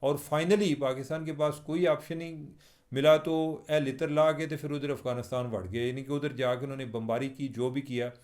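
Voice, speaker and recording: A man from Pakistan, a journalist running his own channel, talks to viewers in a chatty, wry commentary vlog. His Pakistani Urdu accent shows Punjabi touches, and his medium-pitched voice is a little mellow, with fairly even intonation and a moderate pace.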